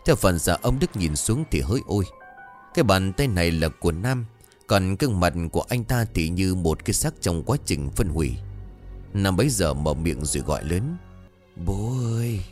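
Deep-voiced man narrating a horror story. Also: normal speed, soft background music. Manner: expressive, dramatic storytelling.

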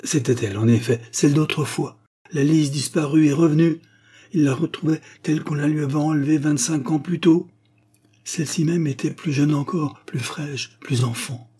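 A man narrating a classic literary story in a measured, expressive storytelling manner. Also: on the high side, husky.

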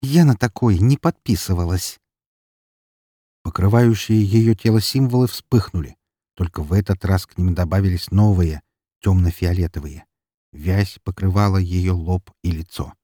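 A man narrating an audiobook in a dramatic, expressive reading. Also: deep voice, normal speed, no room sound, studio quality.

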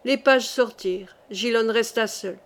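A woman reading a classic novel aloud as an audiobook narrator, with steady, measured storytelling. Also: fairly high pitch.

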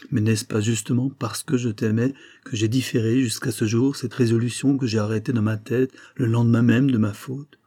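A man's voice: mid-range voice, warm tone, slightly rough, no room sound, studio quality, close to an everyday voice. A man reading as an anguished married lover. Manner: impassioned, pleading, tremulous. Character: guilt-torn married woman, anguished older lover.

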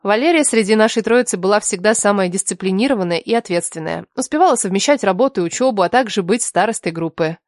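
A woman narrating a first-person story in an expressive, lively audiobook reading. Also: medium pitch, quick pace, hardly any pauses, dry recording, studio quality.

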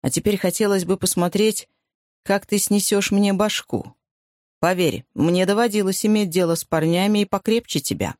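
A narrator voicing a composed male pilot officer who speaks coldly and calmly, in a dry recording. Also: mid-range voice, moderate pace, dry recording, natural voice. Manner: cold, unruffled.

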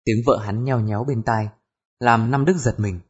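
Husky male audiobook narrator. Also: mid-range voice, moderate pace. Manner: steady storytelling. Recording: dull lo-fi recording with music.

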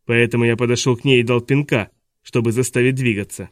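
A man's voice: medium pitch, fairly even intonation, fast, no echo, studio quality, close to an everyday voice. A man voicing a scheming villain posing as a teacher, who sounds falsely polite and gloating, in an audiobook. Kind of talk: audiobook dialogue reading.

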